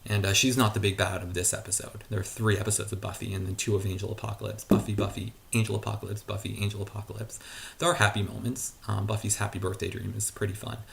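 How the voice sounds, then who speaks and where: A man's voice: on the low side, level tone, fast, vocal fry, slight background noise. A man talking casually in his garage, rambling and hesitant, with many fillers and restarts. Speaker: vlogger. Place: garage at home.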